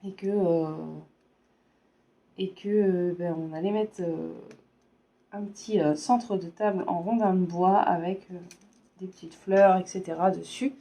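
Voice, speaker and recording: Hoarse french woman in her 30s, lowish voice, sore throat, rambling chat with lots of ums. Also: fairly even intonation, a little slow, dark tone. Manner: hesitant, many fillers. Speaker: vlogger. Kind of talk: casual chat.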